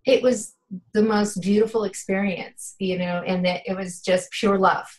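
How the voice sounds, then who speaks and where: Speaking with a mid-range voice, a steady tone, and a moderate pace, a woman in her fifties chats casually as an interview guest. She comes across as heartfelt and earnest, leaning often on "you know."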